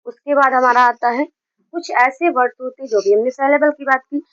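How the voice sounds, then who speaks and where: Woman, grammar lesson, slightly high voice, slow word-by-word dictation, dry lo-fi recording. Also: fairly bright tone, no room sound. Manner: slow, drawn-out dictation of English example sentences; explains step by step with many restarts. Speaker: English grammar teacher. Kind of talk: Hindi video lesson on grammar.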